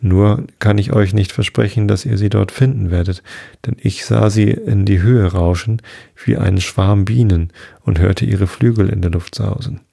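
A man voicing an excitable, superstitious farmer who cries out in alarm. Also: fairly low pitch, moderate pace, creaky. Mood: excited. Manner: anxious exclamations, raised voice. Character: excitable superstitious Irish farmer, fearful, boastful.

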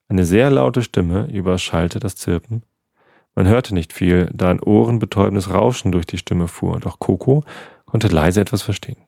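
A man hosting a sleep podcast who calmly reads a bedtime story aloud, with small slips and restarts. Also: low-pitched, creaky, no echo, studio quality. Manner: calm reading with small slips. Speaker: podcast host.

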